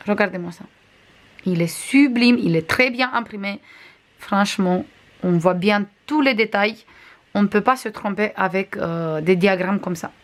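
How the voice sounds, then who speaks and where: A woman crafts vlogger with a non-native accent, casually reviewing and showing items to the camera, often pausing with hesitations. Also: medium pitch, fairly bright tone. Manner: chatty, frequent hesitations, shows items to camera.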